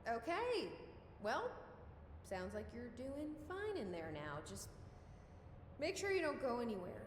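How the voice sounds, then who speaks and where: A woman's voice: a little high, huge pitch swings, measured pace, a little hiss or hum. An actress playing a guarded female agent in a video game, talking in a dry, wary, understated way. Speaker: game protagonist.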